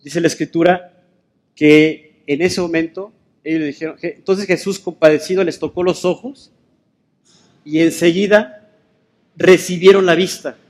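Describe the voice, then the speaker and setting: Higher-voiced man preaching a sermon. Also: fairly even intonation, normal speed, pauses often. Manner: conversational, rhetorical questions to listeners.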